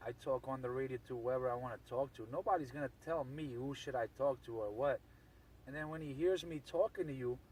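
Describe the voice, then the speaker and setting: A man's voice: a little high, recorded from a distance, a little hiss or hum, rough recording. A man, a truck driver, talking over CB radio in an aggrieved way, often repeating himself. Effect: heard over CB radio.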